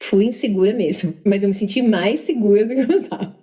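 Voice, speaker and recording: A young Brazilian woman co-hosting a podcast, telling work stories in a lively, self-deprecating way with quick asides. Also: mid-range voice. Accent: Brazilian Portuguese. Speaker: podcast co-host. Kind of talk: casual storytelling chat.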